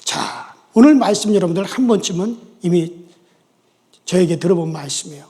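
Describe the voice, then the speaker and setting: Man, pastor, sermon, high voice, folksy and joking, long church reverb. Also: lively intonation, moderate pace, warm tone. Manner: folksy, joking with the congregation, then earnest. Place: church sanctuary.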